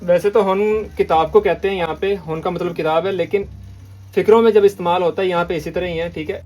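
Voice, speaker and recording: A man's voice: high-pitched, fairly even intonation, fast talker, a little mellow, faint music behind. A man from Pakistan teaching a language lesson, repeating words and often checking in with the listener. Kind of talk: patient classroom lesson.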